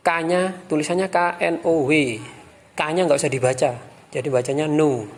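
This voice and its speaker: Indonesian man teaching English phrases. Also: on the high side. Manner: slow, drawn-out model English phrases between quick explanations. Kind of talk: classroom lesson explaining phrases.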